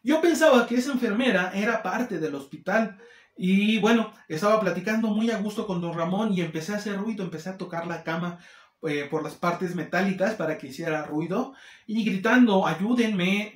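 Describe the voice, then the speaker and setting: High-voiced Mexican man telling a story. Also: brisk. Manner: animated, acts out quoted people in shifting voices. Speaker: vlogger. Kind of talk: casual storytime narration. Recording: roomy echo.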